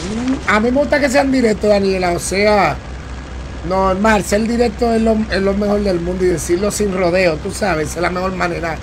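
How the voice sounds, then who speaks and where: Against a noisy background, a young man with a high-sitting voice streams a game at normal speed. He chats easily, repeats himself, and says hello to viewers by name.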